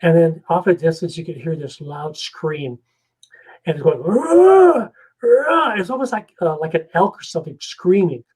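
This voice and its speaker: A man, a guest investigator, telling a story in a casual, animated way and acting out the scenes. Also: fairly high pitch, normal speed, breathy edge, low-quality recording.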